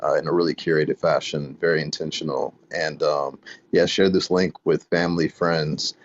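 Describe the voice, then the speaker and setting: A man's voice: a bass voice, fairly even intonation, normal speed, no echo. A man co-hosting and wrapping up in a laid-back, loose way with many fillers. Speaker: co-host. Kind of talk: casual wrap-up. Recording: dull lo-fi online audio.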